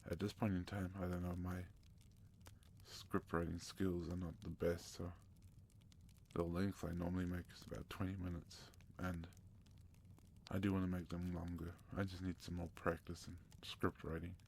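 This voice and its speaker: A man from South Africa hosting a soft-spoken ASMR question-and-answer session, gentle and sometimes slipping into a whisper. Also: low voice, little pitch movement, normal speed, gravelly, a little hiss or hum. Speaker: ASMR channel host.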